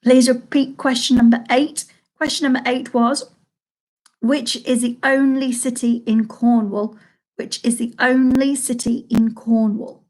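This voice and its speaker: A woman hosting a live pub quiz from home, chatty, reading each question slowly and repeating it. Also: on the high side, little pitch movement, a little mellow. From Salford, England. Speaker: quiz host.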